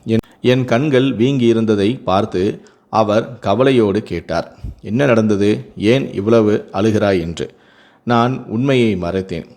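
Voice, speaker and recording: Low-voiced male storyteller. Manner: steady reading with occasional self-corrections. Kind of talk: scripted first-person story narration.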